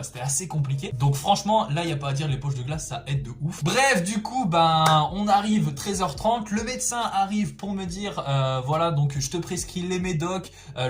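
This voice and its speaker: A young man chatting casually through a personal story, slangy and expressive, exclaiming for emphasis. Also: fairly high pitch, moderate pace, hardly any pauses, soft background music. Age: young adult. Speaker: storytelling vlogger.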